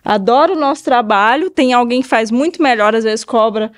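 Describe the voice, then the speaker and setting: A woman with a Brazilian Portuguese accent, a hairdresser talking as a podcast guest and giving practical advice in a casual, animated way, acting out what her clients say. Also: a little high, normal speed. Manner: animated, acts out clients' remarks in quoted voices. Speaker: guest, hairdresser and updo stylist.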